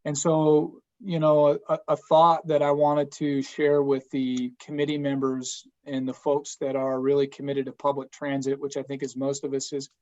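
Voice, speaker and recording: A man chairing a committee meeting by phone, speaking haltingly with many fillers while his cell connection breaks up. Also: mid-range voice, monotone, darkish tone, muffled recording. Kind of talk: remarks at a public meeting. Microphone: phone on a remote call.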